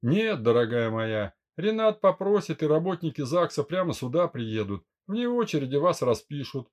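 A man's voice: on the high side, sing-song, moderate pace. A man reading a domineering older brother in an audiobook, growling out commands. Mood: gruff commanding. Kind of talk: audiobook character voice.

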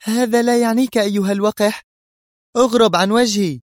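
A man reading a story aloud, voicing an angry, scheming female villain who shouts orders. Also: steady tone, brisk, no echo, studio quality, lightly acted. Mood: furious. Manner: shrill, furious, commanding.

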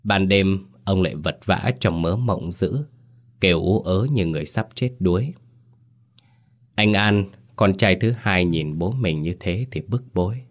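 A man giving grave, measured scripted narration of a horror story. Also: low-pitched. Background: faint music.

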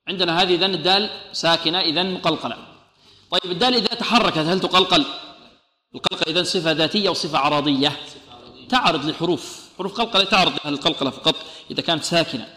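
A man with a bright, forceful voice leads a recitation lesson, posing questions and answering them himself. He stretches words out slowly when he shows how they are pronounced. The sound rings through a roomy hall with a long reverb tail. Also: fairly high pitch. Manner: slow drawn-out demonstration of sounds. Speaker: Quran recitation teacher. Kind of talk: tajweed lesson.

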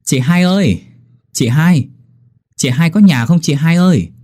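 A man's voice: medium pitch, very animated, normal speed, dark tone, husky. A man voicing a timid young pregnant country wife, stammering and pleading. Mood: anxious.

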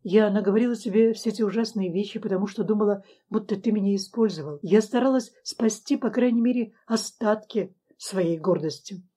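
A woman's voice: mid-range voice, brisk, hardly any pauses, warm tone, slightly rough, close to an everyday voice. A woman reading as a heartfelt young woman in love.

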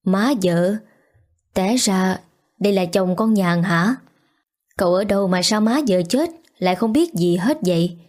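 A woman's voice: medium pitch, a little slow, darkish tone, close to an everyday voice. A woman voicing a blunt older village man who scolds a couple for missing a funeral. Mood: reproachful. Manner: blunt and reproachful.

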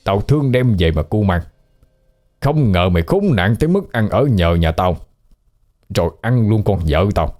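A man's voice: lowish voice, darkish tone. A man voicing a hot-tempered gangster husband, harsh and scolding.

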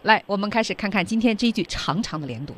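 A woman co-hosting a radio English lesson, bright and encouraging as she sums up and moves things along. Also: mid-range voice, fast. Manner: lively, encouraging, sums up the teacher's points. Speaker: radio co-host.

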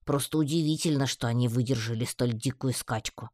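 A man's voice: mid-range voice, fairly quick, no room sound, clean studio sound. Man narrating an audiobook dryly. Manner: even, first-person storytelling. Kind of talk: scripted narration.

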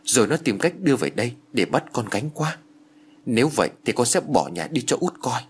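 A man's voice: medium pitch, big pitch swings, fairly quick, a little hiss or hum, lightly acted. A man voicing a hesitant, anxious young wife in a spoken horror story. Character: timid, troubled young wife.

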